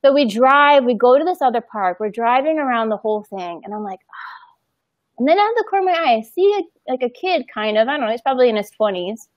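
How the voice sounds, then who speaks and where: A woman in her thirties chatting casually as a podcast co-host, telling an animated story, acting out the voices in it and laughing often. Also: fairly high pitch, quick pace, no echo, dull audio.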